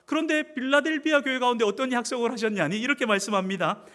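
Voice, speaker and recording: A pastor preaching a sermon in a church, animated and acting out quoted speech. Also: male voice, very high-pitched, fast talker.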